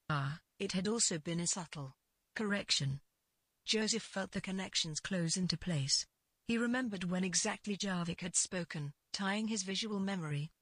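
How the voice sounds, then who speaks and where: A woman with a somewhat low, clearly husky voice narrates literary fiction in a careful, deliberate manner. There is no echo, and the dry recording holds almost no room sound.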